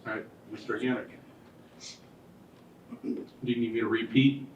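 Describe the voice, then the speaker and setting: A man's voice: mid-range voice, steady tone, normal speed, slight background noise. A man reads forum questions in a plain, businesslike way. He is heard from a distance in a roomy, echoing space. The sound is dull and muffled. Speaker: forum moderator. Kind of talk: reading questions aloud. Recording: echoey room from far off, dull sound.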